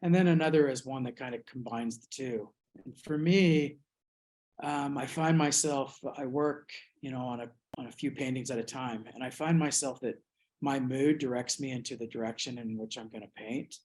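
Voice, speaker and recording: Speaking with a medium-pitched, darkish voice, the American artist considers his work in an interview, his thoughtful delivery broken by frequent pauses and restarts.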